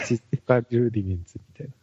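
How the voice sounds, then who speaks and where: A man from Fukuoka co-hosting a podcast in casual chat among musicians, calm and politely teasing. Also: mid-range voice, fairly quick, slightly rough, no room sound, muffled recording. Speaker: podcast co-host.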